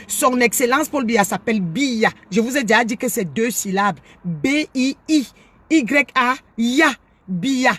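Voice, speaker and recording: A woman delivers a combative monologue in a high voice. She scolds and lectures, repeating her points over and over. The sound is dry and close, with no room echo. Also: fairly bright tone, slightly rough. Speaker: life coach commentator. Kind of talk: angry monologue to camera.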